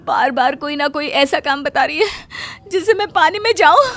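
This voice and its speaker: A woman's voice: high-pitched, lively intonation, moderate pace, a bit bright, pitched above the performer's own voice. A woman voicing a young daughter-in-law with a cold, pleading and complaining, in a cartoon story.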